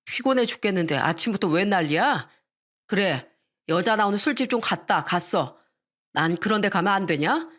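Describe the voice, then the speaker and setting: A woman's voice: mid-range voice, animated, normal speed, a bit bright. A woman voicing an arrogant, newly rich male composer who talks down to his wife in a dismissive, sighing way, in a storytelling radio drama. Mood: irritated.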